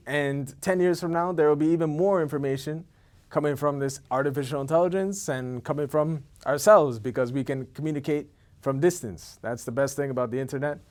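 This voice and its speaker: Male, 30s, from Ethiopia, slightly high voice. Casual, rambling to-camera promo with lots of repetition and "okay?" tags. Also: darkish tone. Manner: rambling, repeats words, keeps asking "okay?". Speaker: event organizer.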